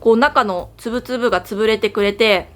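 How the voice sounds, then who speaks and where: A woman from Japan chatting casually as a beauty vlogger while she does her makeup, telling stories in an animated way. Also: fairly high pitch, a little fast.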